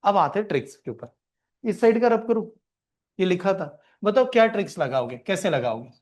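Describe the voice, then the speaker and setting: High-voiced male math teacher. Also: sing-song, normal speed, darkish tone. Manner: asks questions and answers them himself. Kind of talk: classroom lecture.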